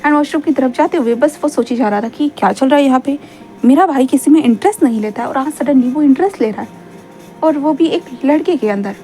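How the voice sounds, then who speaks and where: High-voiced woman casually retelling a story. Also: brisk, dark tone, soft background music. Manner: conversational, unscripted, with restarts. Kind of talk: casual retelling of fan fiction.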